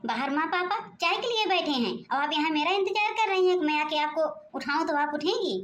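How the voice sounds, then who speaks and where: A woman's voice: extremely high pitch, animated, a little fast, a bit bright, roomy sound, slight background noise. A woman with an Awadhi-region accent voicing an impatient, bossy young sister-in-law in a home-made cartoon. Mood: irritated. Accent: Awadhi-region Hindi. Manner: impatient, commanding.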